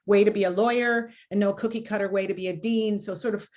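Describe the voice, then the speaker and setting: A woman's voice: mid-range voice, fairly even intonation, quick pace, darkish tone. A woman born in Jamaica and raised in Canada, a law school dean answering on a video panel in a reflective, candid way with many "you know" fillers.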